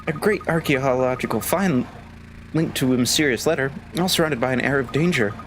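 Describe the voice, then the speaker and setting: A man voicing an eager, cheerful young woman assistant from a video game, talking in a chirpy, excitable way. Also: mid-range voice, brisk, background noise, close to an everyday voice.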